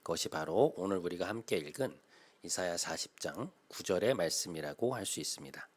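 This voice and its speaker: Male pastor preaching, lowish voice that swoops up and down a lot, lots of uh's, gets loud on the big points. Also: expressive. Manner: explains slowly with many "uh" fillers, rising to loud emphatic calls. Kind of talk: sermon.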